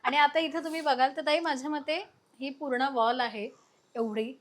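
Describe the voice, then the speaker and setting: A woman interviewer who reacts with short interjections and asks quick questions. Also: high-pitched, fairly even intonation.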